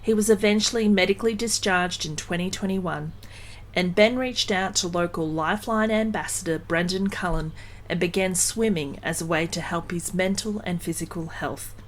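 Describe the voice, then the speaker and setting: A woman hosting a podcast, reading a scripted introduction and asking interview questions in a clear, measured way. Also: lowish voice, slight background noise. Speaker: podcast host.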